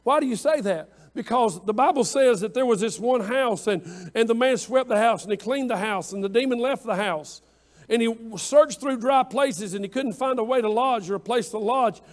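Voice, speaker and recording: A man's voice: very high voice, moderate pace. A man preaching a sermon as pastor in a church, building to emphatic swells with repeated phrases. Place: church sanctuary.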